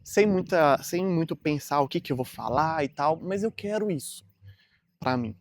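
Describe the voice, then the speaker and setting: A man's voice: a little high, animated, moderate pace, no room sound. A man, talking casually and earnestly to camera in a rambling motivational vlog full of fillers. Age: 30s. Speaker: vlogger.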